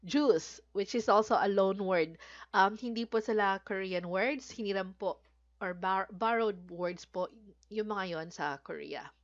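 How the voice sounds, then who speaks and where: A woman's voice: medium pitch, measured pace, muffled recording. A woman from the Philippines teaching a language lesson, patiently repeating each word and speaking politely. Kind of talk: Korean vocabulary lesson in Filipino.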